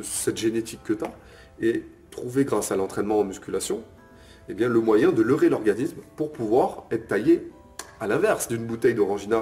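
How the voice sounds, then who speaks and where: Speaking in a fairly low, darkish voice, a young man who coaches fitness walks the viewer through bodybuilding methods on camera. It's informal talk, using tu, with plenty of "euh" fillers and "ok?" checks.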